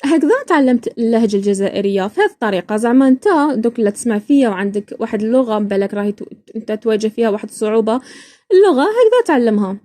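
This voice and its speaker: With a slightly high, mellow voice, an Iraqi woman chats casually on her podcast at a rapid-fire, expressive clip, frequently cutting herself off and starting over. The studio-quality recording has no room sound.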